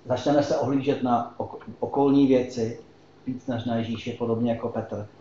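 A man's voice: medium pitch, steady tone, warm tone, slight background noise. Man preaching in an echoey hall. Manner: conversational, asks the congregation questions. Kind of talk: sermon. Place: church hall. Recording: echoey hall, slightly dull sound.

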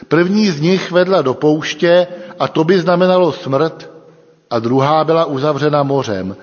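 A man preaching a sermon in a church, with a measured, deliberate delivery and emphatic pauses. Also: a little high. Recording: long reverb, dull lo-fi sound.

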